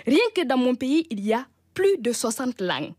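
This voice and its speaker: A woman's voice: high-pitched, big pitch swings, normal speed, darkish tone, no echo, studio quality. A woman with a Burkinabè accent reading a humorous radio column in a wry, teasing way, chuckling often. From Burkina Faso.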